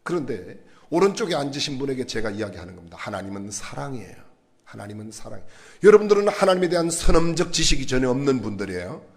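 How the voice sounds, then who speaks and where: A man preaching a sermon in a church, animated and asking the congregation questions. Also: mid-range voice, quick pace. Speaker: pastor.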